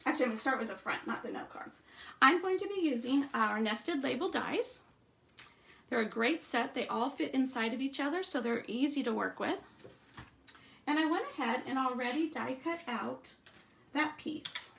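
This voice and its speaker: A woman giving a live stamping demonstration, chatting through each step and trailing off into quiet asides. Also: sits high, lively intonation, normal speed, gravelly, a little hiss or hum. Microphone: streaming setup at a craft table.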